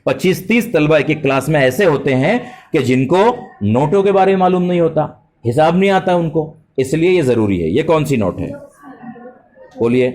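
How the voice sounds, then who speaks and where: A man's voice: on the high side, lively intonation, normal speed, a little mellow. Man teaching a children's math class. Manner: addresses students with polite forms and praise.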